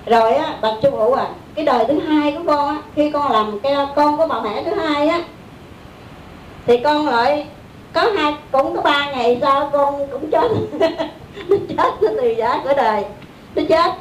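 A woman with a Southern Vietnamese accent preaching a Buddhist story in a conversational way, often saying "đó" and "á". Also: moderate pace. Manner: conversational, with fillers like "đó" and "á". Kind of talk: sermon storytelling. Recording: echoey room, distant mic, faint rumble.

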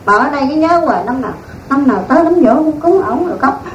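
A woman's voice: sits high, quick pace, lo-fi sound. A woman, a Buddhist nun giving a dharma talk in a folksy, storytelling way. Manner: folksy, animated storytelling with laughs. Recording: echoey room, distant mic, faint noise.

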